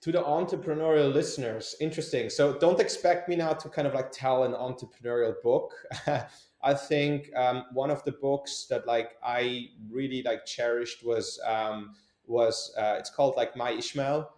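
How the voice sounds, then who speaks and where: A man's voice: medium pitch, steady tone, normal speed, a little mellow. A young man from Switzerland, an entrepreneur answering interview questions in a hesitant way, with many fillers and restarts. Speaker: entrepreneur guest. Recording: echoey room.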